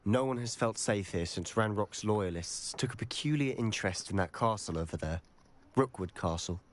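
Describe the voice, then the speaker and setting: A man's voice: fairly low pitch, animated, moderate pace, slight background noise, lightly acted. An actor playing an earnest, determined young male wizard student in a video game. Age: young adult.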